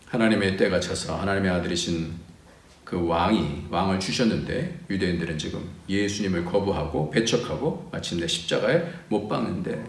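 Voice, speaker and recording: A male pastor preaching a sermon. He preaches with a lot of animation, his pitch and volume swinging widely, and he reads scripture aloud at length. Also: moderate pace, echoey room.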